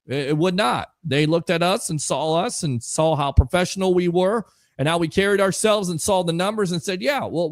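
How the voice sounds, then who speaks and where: A man hosting a live sports talk stream, reading out chat comments and giving energetic shout-outs. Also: a little high, no echo, studio quality. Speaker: livestream sports show host.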